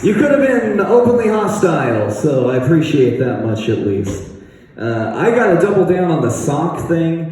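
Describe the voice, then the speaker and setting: A man doing a stand-up set at an open mic, rambling and deadpan, jumping high in pitch for punchlines. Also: normal speed, heavy reverb, big-room sound, distant mic, over music, low-quality recording. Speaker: stand-up comedian. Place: comedy bar open mic.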